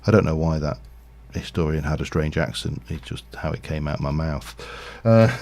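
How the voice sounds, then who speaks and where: A man with a bass voice casually commentates his Minecraft livestream, rambling and thinking aloud with plenty of filler words. He speaks at normal speed, and his tone is a little mellow.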